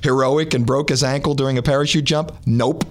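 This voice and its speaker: A man's voice: mid-range voice, fairly even intonation, fairly quick. A man with a congested, sick-sounding voice hosting a casual music radio show, talking with dry, wry humour.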